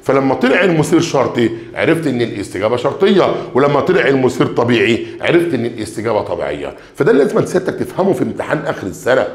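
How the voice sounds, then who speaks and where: A man's voice: medium pitch, sing-song, very fast, few pauses, reverberant. A man with an Egyptian Arabic accent teaching an exam revision lesson. He talks straight to his students and stretches out key words one by one as he reads a question aloud. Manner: addresses students directly, calls for blessings on the Prophet.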